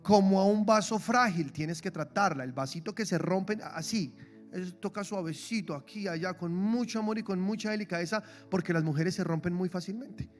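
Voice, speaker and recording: Un hombre, pastor, que predica un sermón con acento colombiano, de forma animada y con humor, imitando voces al citar a otros. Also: male voice, sits high, moderate pace, faint music behind. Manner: lively, humorous, acts out quoted voices. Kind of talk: sermon. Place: church.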